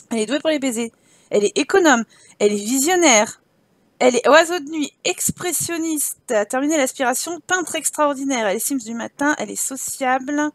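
A woman's voice: high voice, no room sound. A woman hosting a let's play, giving casual commentary and teasing her game characters as she plays.

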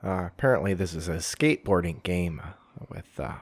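A man's voice: low voice, lively intonation, moderate pace, slightly rough. A man co-hosting a gaming video, joking casually with his friend while playing. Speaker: gaming channel co-host. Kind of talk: casual let's-play banter.

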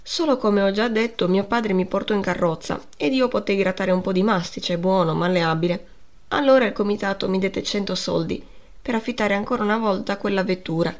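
A woman's voice: medium pitch, a little fast, natural voice. A woman reading the part of a timid, tearful schoolboy explaining himself to his teacher. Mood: pleading. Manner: pleading, earnest.

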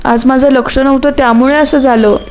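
A woman narrator doing a young wife who pleads and coaxes in a soft, high voice. It sounds contrite and eager to make peace, a storybook heroine. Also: steady tone, a little fast, lightly acted. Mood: contrite coaxing. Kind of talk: audiobook story reading.

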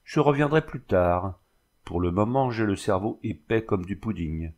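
A man's voice: on the low side, moderate pace, darkish tone, close to an everyday voice. A man voicing an irritable middle-aged neurologist who speaks in curt, sardonic grumbles. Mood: grumbling.

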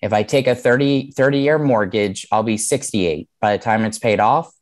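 Speaking on the low side at normal speed, this thirtysomething mortgage lender leads an online seminar by video call. His casual, explanatory delivery is full of "um" and repeated "right?" as he checks in with listeners.

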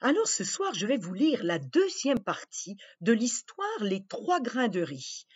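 Gentle, slow storyteller woman. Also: a little high, husky. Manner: gentle, expressive, addressing children. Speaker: children's storyteller. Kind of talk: reading a children's story aloud. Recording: dull lo-fi recording.

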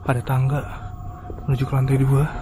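A man's voice: mid-range voice, monotone, fairly quick, noisy background. A man gives casual, uneasy running commentary while exploring at night, muttering spooked exclamations. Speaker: urban explorer vlogger. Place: abandoned resort at night, outdoors and in empty halls.

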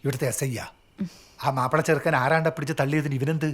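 A man's voice: fairly high pitch, fairly even intonation, lightly acted. A middle-aged actor playing a stern father who scolds his grown son. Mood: scolding. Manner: scolding, rapid. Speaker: film actor.

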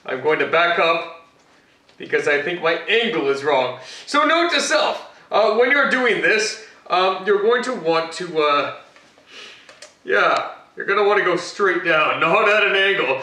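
A man's voice: high voice, expressive, unhurried, sharp tone, heavily acted. Cocky Batman, as a man plays him in an echoey kitchen. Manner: chatty, boastful, rambling with fillers. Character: Batman, grown male hero, cocky and boastful. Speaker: cooking show host. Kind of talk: comic cooking demonstration. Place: home kitchen, indoors. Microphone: far camera. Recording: echoey kitchen, mic far off.

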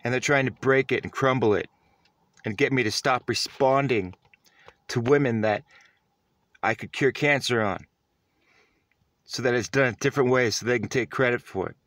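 A man's voice: mid-range voice, moderate pace, long pauses, a bit bright, no echo. A man giving a self-recorded vlog monologue, earnest and rambling, often restarting his sentences. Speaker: vlogger.

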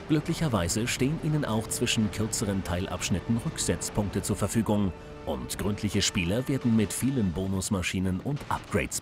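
A man narrates scripted game reviews. Music plays clearly behind him throughout. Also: lowish voice.

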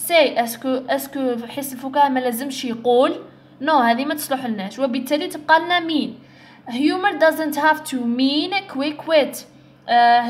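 A young woman with an Algerian Arabic accent, explaining an English exam step by step and reading English phrases slowly. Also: high voice. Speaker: English teacher. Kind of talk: exam-prep tutorial.

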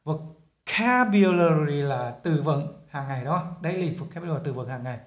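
A man teaching English vocabulary with a Vietnamese accent, saying each word slowly and repeating it two or three times. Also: fairly high pitch, expressive, roomy sound. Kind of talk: vocabulary lesson with repeated drills.

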